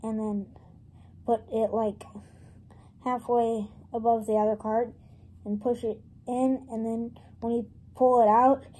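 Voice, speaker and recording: A woman presenting a casual step-by-step tutorial, explaining things in an informal, halting way. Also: fairly high pitch, flat delivery, warm tone, rough recording. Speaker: presenter of a card trick tutorial.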